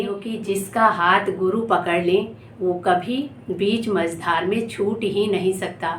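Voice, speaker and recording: A woman narrates a moral story in a calm, gentle, explanatory way. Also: mid-range voice. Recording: echoey room, faint background noise.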